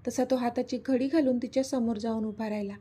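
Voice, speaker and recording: A woman reads a serialized story aloud in scripted narration. Her voice is mellow and husky, pitched fairly high. She keeps a steady, dramatic pace. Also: brisk.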